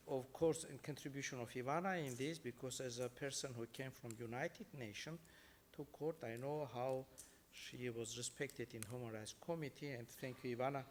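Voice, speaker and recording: A man with an Armenian accent giving an earnest, somewhat halting speech as a judge moderating a conference panel. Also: mid-range voice, slight background noise. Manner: earnest, halting non-native phrasing.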